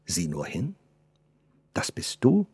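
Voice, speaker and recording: A man's voice: low voice, huge pitch swings, slow pace, vocal fry, a little mellow, slightly rough, no echo, exaggerated voice. A man reading the part of a passionate young sculptor in love, speaking fervently and tenderly. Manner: fervent, declaiming. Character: passionate young male sculptor, devoted lover.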